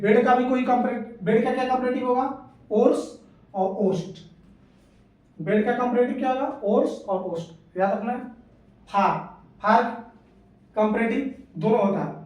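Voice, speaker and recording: A high-pitched man teaches English grammar, repeating each rule and asking questions of his students. His voice is heard from a distance in a strongly echoing room, far from the mic. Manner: patient, repeats points and asks the class questions. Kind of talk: classroom lesson.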